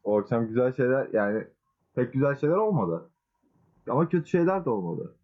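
A man's voice: mid-range voice, very animated, fairly quick. A man hosting a podcast in casual chat, teasing his co-hosts playfully. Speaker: podcast host. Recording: tinny phone-like sound.

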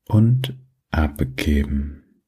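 Man, low breathy voice, mellow, soft, soothing meditation guide, long pauses. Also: animated.

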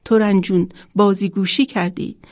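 A woman's voice: medium pitch, steady tone, darkish tone, dry recording, natural voice. A woman voicing a wise howling wind spirit. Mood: solemn.

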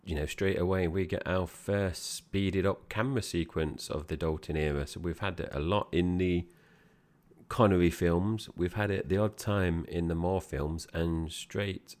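A man's voice: low-pitched, steady tone, unhurried, darkish tone. A man co-hosting a podcast, chatting casually about a film and addressing his co-host directly. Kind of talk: casual film review chat.

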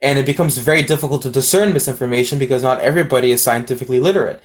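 A man's voice: mid-range voice, rapid-fire. A man with an Aruban accent reasoning things through in casual discussion, often repeating words as he starts a thought.

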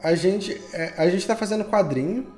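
Music runs behind this interview with a podcast creator, a man with a Brazilian accent whose voice is high and darkish, at a moderate pace. As the guest, he keeps things loose and informal, dropping plenty of slang.

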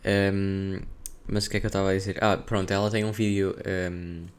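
On his solo podcast, a young man with a European Portuguese accent chats casually, rambling and using slang as he thinks aloud. His voice is low-pitched, smooth, and brisk, with a flat delivery.

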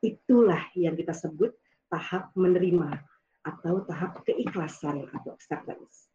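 A woman explains gently and steadily in an online talk, her voice warm and mellow. The sound is dull and muffled, like audio from a video call. She often acts out little sample phrases to make her point. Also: on the low side, unhurried. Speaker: speaker addressing a medical team.

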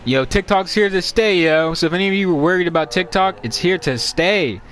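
A man's voice: high-pitched, a little fast, a bit bright. A young man co-hosting a podcast in casual, slangy banter, repeating himself for emphasis. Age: young adult. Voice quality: slangy speech. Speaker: podcast co-host.

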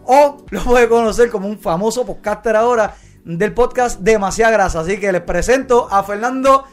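Male talk host, high-pitched, playful and slangy, faint music underneath. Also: normal speed. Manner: joking, slangy, lively. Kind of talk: casual interview chat.

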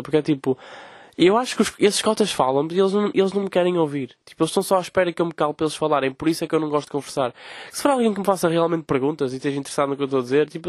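A young podcast host from Portugal with a European Portuguese accent delivers a casual comedic rant, swearing often and mimicking people in quoted voices. His voice is a little high, with no room sound.

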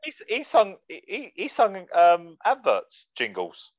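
A man hosts a laid-back music podcast, running through a list, laughing often and swearing casually. His voice is high with wildly swooping pitch and a slightly slow pace, and the recording sounds dull, muffled and dry.

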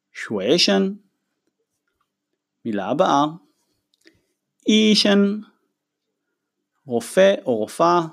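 Male language teacher, gravelly voice, lively pitch, slow careful repeat-after-me delivery. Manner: reads each word slowly, then translates and repeats it. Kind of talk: recorded vocabulary lesson.

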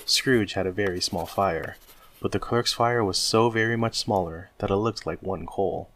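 Low-voiced male storyteller. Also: dry recording. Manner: measured, expressive storytelling. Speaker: narrator. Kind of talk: scripted narration.

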